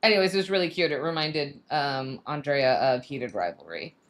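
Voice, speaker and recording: A woman co-hosting a casual craft and gossip stream, gushing and animated as she chats. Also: sits low, moderate pace. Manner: animated, gushing fan talk with laughs. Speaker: podcast co-host. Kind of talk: casual chat while crafting.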